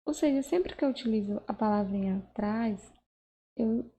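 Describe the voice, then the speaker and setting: A woman's voice: on the high side, normal speed, dark tone, dull audio, a little hiss or hum. A woman teaching a grammar lesson, explaining patiently step by step and checking in with the listener. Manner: patient, explains step by step with frequent tag questions. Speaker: Portuguese teacher.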